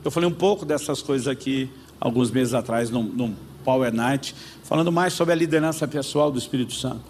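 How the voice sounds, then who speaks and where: A man's voice: medium pitch, fairly quick, darkish tone, a little hiss or hum. A man with a Brazilian Portuguese accent preaching, telling a personal story and acting out both sides of a conversation. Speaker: pastor. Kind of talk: sermon storytelling.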